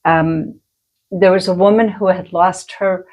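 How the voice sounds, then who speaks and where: Woman, lowish voice, middle-aged, healer chatting, acts out quoted voices. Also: a little slow. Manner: animated storyteller acting out quoted voices. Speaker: healer and medium co-host. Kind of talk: casual chat, storytelling.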